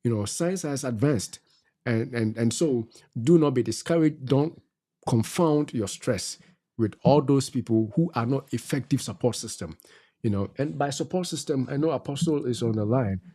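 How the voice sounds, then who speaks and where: On a talk show, a middle-aged male co-host offers faith-based advice in a dark, mid-range voice at normal speed. Like a preacher, he exhorts listeners and repeats his key phrases.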